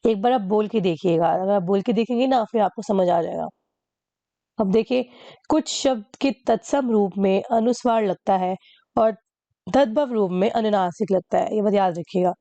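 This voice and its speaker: Mellow-voiced woman teaching a lesson. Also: medium pitch, moderate pace, dry recording. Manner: patient, repeats key points with rhetorical questions. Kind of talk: explaining a lesson.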